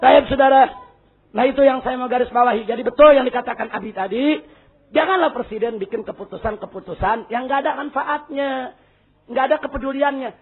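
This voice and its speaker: A man preaching a fiery sermon, shouting rhetorical questions at the congregation. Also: extremely high pitch, brisk, husky. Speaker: Islamic preacher. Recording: tinny lo-fi recording.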